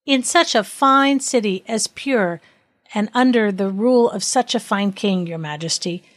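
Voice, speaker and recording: A woman's voice: mid-range voice, unhurried, dry recording, lightly acted. A woman reading the lines of a cruel, smug male judge, bossy with peasants and fawning to the king.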